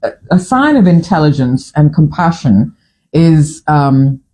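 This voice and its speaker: A Fijian podcast host in their fifties talks through a casual, opinionated morning chat in Fijian English, with plenty of restarts and the occasional swear word. The voice is medium-pitched and very animated, with a measured pace and a dark tone.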